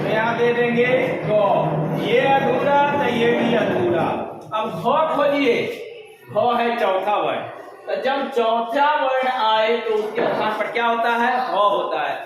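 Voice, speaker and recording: A man teaching a Hindi grammar lesson at a board, slowly, asking the class questions and answering them himself. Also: very high voice. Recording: very echoey room with clear background noise.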